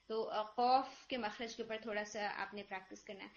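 A woman teaching Quran recitation online, gently correcting a student's pronunciation and modeling the sounds slowly. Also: mid-range voice, steady tone. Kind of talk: online tajweed feedback. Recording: lo-fi online call audio.

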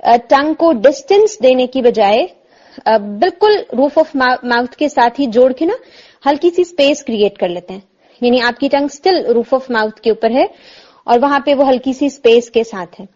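A woman teaching Quranic pronunciation, patiently explaining and slowly demonstrating letter sounds. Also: sits high, animated, darkish tone, dull audio. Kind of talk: tajweed lesson explaining articulation.

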